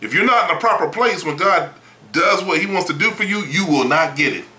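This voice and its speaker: A man's voice: on the high side, lively intonation, fairly quick, sharp tone, roomy sound, rough recording. A man preaching a sermon in a blunt, emphatic, folksy way, often repeating words.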